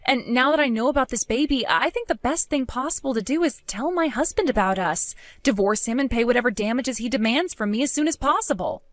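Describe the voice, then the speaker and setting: A woman's voice: fairly high pitch, animated, fairly quick, hardly any pauses, lightly acted. A woman voicing a scheming, unfaithful young wife who coaxes and pleads to get her way. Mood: pleading. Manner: pleading, coaxing.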